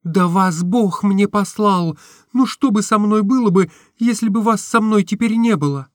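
Breathless lovestruck young woman in a classic novel read aloud, high and dry, played by a man. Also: normal speed, no echo, lightly acted. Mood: gushing. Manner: breathless, emotional, rising exclamations. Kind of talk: audiobook reading.

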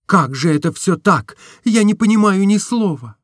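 Breathless lovestruck young woman in a classic novel read aloud, high and dry, played by a man. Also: lively intonation, normal speed, husky, dry recording. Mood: flustered. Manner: breathless, emotional, rising exclamations. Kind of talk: audiobook reading.

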